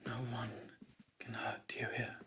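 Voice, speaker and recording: A man voicing a tender caretaker in a breathy, hushed, comforting whispered role-play. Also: medium pitch, monotone, unhurried, noisy background, natural voice.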